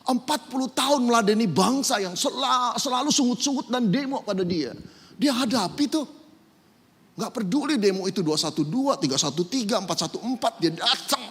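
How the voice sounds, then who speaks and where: A man preaches with a high, lively voice that jumps from loud emphasis to quiet asides. His tone is husky. The sound rings out in a hall with a long reverb. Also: normal speed. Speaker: pastor. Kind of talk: sermon.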